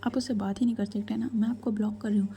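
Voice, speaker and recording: A woman's voice: medium pitch, little pitch movement, quick pace, gravelly, a little hiss or hum, natural voice. A woman voicing a fierce, protective young woman scolding her sister's lover, in a whispered role-play. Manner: scolding, sharp.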